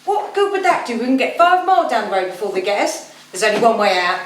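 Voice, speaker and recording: A woman's voice: fairly high pitch, very animated, quick pace. A woman playing a coarse, scheming accomplice. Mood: hard-nosed. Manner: coarse working-class English slang that turns posh and genteel in company. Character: ruthless female schemer, con man's accomplice. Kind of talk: amateur stage play. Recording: echoey stage from far off, noisy.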